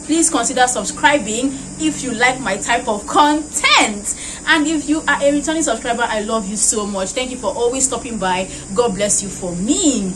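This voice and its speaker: A woman's voice: on the high side, moderate pace, few pauses. A young woman in her twenties with a Nigerian accent, chatting animatedly on her vlog and slipping into pidgin. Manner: animated, laughing, mixing in pidgin. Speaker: vlogger. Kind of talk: casual vlog chat. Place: indoors at a doorway. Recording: noisy background.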